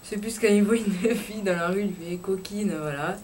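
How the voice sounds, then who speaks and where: A woman's voice: medium pitch, a little mellow, a little hiss or hum. Chatty woman with a southwest French accent. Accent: southwest French (Lot-et-Garonne). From Lot-et-Garonne, southwest France. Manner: chatty, frank, swears casually, many filler pauses. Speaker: YouTuber. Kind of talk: casual chat vlog.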